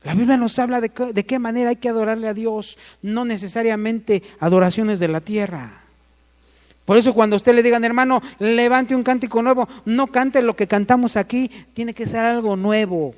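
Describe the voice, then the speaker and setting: Mexican guy preaching, high voice, keeps asking the crowd stuff, big reverb. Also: steady tone, moderate pace, a little mellow. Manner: asks the congregation questions and calls for amens. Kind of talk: sermon.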